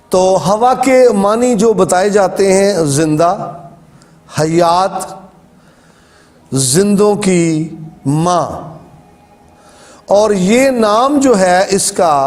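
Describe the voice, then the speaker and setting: Male Bible teacher, high voice, measured lecture delivery. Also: darkish tone. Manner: slow, deliberate explanation of word pronunciations. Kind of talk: religious word-study lecture.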